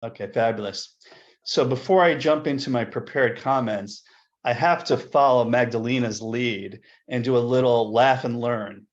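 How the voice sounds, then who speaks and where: A male physician giving a webinar talk with slides, chatty and relaxed, sometimes repeating words. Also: medium pitch, moderate pace, muffled recording. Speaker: physician presenter at a medical webinar. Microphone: video call.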